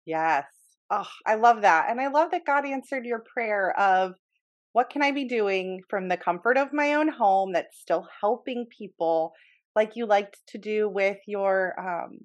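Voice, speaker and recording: Host: woman, upbeat, affirming, chatty, mid-pitched voice. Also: animated, unhurried. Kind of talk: casual interview chat.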